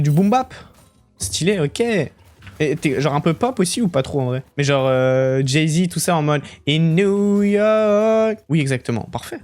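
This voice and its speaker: Chatty young man streaming a game. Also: fairly high pitch. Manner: chatty, swears casually, excited outbursts. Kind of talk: casual live-stream commentary while gaming.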